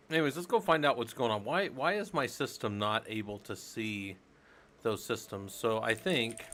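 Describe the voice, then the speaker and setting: A man with a lowish, fairly bright voice hosts a casual live stream, chatting loosely and thinking aloud as he works on a computer. His talk rambles and is packed with fillers, and a little hiss or hum sits under the recording.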